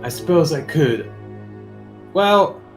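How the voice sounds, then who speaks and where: A man's voice: fairly high pitch, expressive, slow pace, faint music behind. A man hosting a casual gameplay session, teasing his opponent and explaining game mechanics as he plays. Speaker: strategy game player, channel host.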